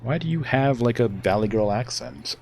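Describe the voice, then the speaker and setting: A man's voice: mid-range voice, expressive, moderate pace, gravelly, a little mellow. A man giving casual, rambling gameplay commentary, thinking aloud as he plays. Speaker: game streamer.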